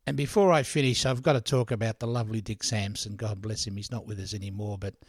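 A man's voice: fairly low pitch, steady tone, quick pace, dry recording, clean studio sound. Older Australian man telling stories. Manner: chatty, laughing, colloquial. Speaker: podcast host. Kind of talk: storytelling monologue.

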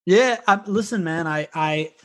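A man in his forties from Venezuela, chatting casually, loose and animated, swearing and laughing often. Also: high-pitched, unhurried. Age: 40s. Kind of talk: casual chat.

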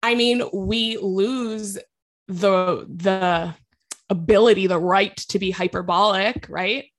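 A woman's voice: mid-range voice, fairly even intonation, slow. A woman co-hosting a casual podcast as a clinician, chatty and rambling, with lots of likes and self-corrections. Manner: chatty, loses her train of thought, many likes.

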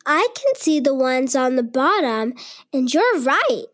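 Lady doing a squeaky curious little kid, bouncy and slow, kids show. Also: big pitch swings, faint music behind. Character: curious little girl, eager and pleading.

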